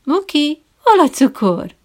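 A woman voicing a loud, bossy middle-aged male dog trainer who barks commands, in an audiobook reading. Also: very animated. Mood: booming. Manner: booming, commanding, then pleading.

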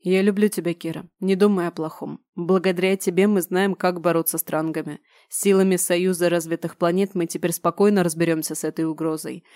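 In an audiobook, a woman voices a young space general, guilt-ridden and devoted, who tenderly coaxes his wife in a soft, pleading way. She gives him a low, mellow, steady voice close to everyday speech, delivered briskly with few pauses. The recording is close and dry, with no echo or room sound.

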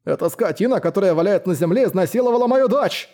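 A man's voice: high-pitched, animated, fast, dark tone, voice pushed up. A male narrator voicing a hot-tempered father with an indignant, protesting manner.

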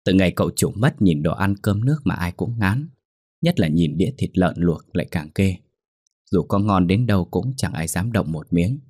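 Deep husky ghost story narrator. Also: male voice, normal speed, no room sound, studio quality. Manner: steady, storytelling.

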